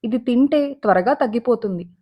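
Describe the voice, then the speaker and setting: A woman voicing a stern, quiet young man who speaks in short, commanding lines in a storybook reading. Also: a little high, normal speed, dull audio, lightly acted. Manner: curt, commanding.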